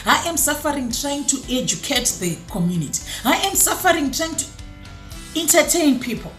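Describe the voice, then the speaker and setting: A woman's voice: sits high, sing-song, normal speed, fairly bright tone, roomy sound, soft background music. A woman from Zimbabwe, an artist, giving a personal testimony with emphatic, repeated phrases. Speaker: artist and refugee.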